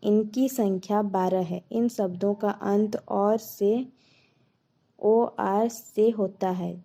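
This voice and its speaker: Indian lady teacher going through grammar slowly, dark mellow voice. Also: medium pitch, fairly even intonation, rough recording. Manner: spells out words letter by letter. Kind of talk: grammar lesson.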